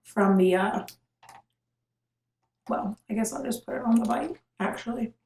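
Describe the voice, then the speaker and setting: A woman's voice: on the high side, a little slow, darkish tone, distant mic. Chatty young woman, off-mic in a kitchen. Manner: chatty, upbeat, talks while eating. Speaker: co-host, girlfriend. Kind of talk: casual cooking vlog chat. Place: home kitchen, indoors. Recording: echoey room, off-mic.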